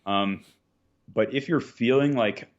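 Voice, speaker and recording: A man's voice: medium pitch, slow pace, dull audio. A man in his thirties, a jiu-jitsu competitor from Canada, talking casually in a podcast interview and rambling with lots of "like"s and restarts. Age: 30s. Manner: rambling, full of filler "like"s and restarts.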